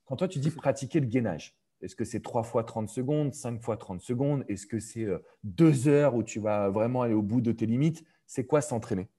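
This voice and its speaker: A man hosting an interview, asking questions in a chatty, animated way. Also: mid-range voice, normal speed, few pauses, breathy edge. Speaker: podcast host.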